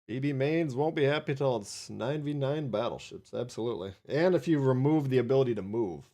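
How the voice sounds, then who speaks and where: A man's voice: medium pitch, expressive, fairly quick, dark tone. Chatty man with a Minnesota accent streaming gameplay. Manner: chatty, wisecracking, reads viewer chat aloud. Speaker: livestream gaming host. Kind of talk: casual live gameplay commentary.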